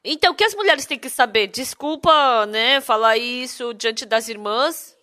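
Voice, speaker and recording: A woman interpreting a sermon in a lively way, full of rhetorical questions. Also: on the high side, moderate pace.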